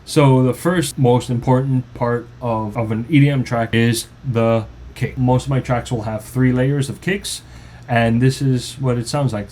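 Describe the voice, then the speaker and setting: A man's voice: medium pitch, a little mellow, a little hiss or hum. Casual man walking through his track. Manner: loose, informal explaining with restarts. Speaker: music producer. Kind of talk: casual tutorial walkthrough. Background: faint music playing.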